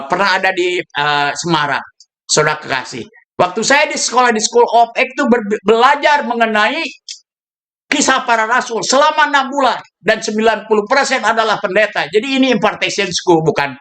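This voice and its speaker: A male pastor preaching a sermon, telling stories with sudden shouted bursts and dropping English phrases into his talk. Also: high-pitched. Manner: storytelling with shouted bursts and laughs.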